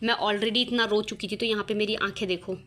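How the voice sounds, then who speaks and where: A woman's voice: medium pitch, fairly even intonation, fairly quick, bright, forceful tone. A young woman chatting casually as she shows her wedding photos, laughing often and near tears at times. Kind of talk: casual chat.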